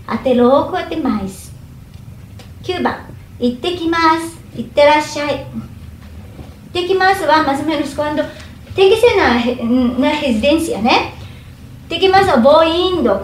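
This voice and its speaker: Woman teacher, high voice, slowly models greetings, roomy echo. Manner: slow careful demonstration of each phrase. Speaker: Japanese teacher. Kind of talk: language lesson. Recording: echoey room, faint hum.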